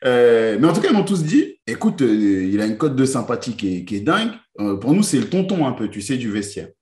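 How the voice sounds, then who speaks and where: A man's voice: medium pitch, sing-song, brisk, darkish tone. Male interview host in an echoey room. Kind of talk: conversational interview questions.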